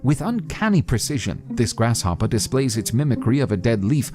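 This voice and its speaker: A man's voice: mid-range voice, sing-song, fairly quick. A man narrating a scripted nature documentary as a voice-over. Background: prominent background music.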